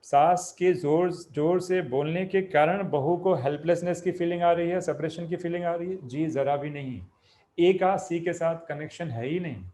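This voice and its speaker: A man's voice: fairly high pitch, moderate pace, dark tone. A man as a spiritual teacher giving an explanatory talk, defining each term and then repeating it in plain words, asking questions and answering them himself. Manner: explains step by step, repeats terms with Hindi glosses; asks and answers his own questions.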